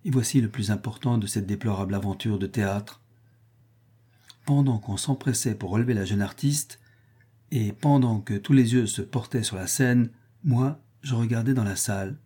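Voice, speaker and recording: A man reading the part of a calm, assured master detective, explaining in measured tones. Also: on the low side, slightly rough.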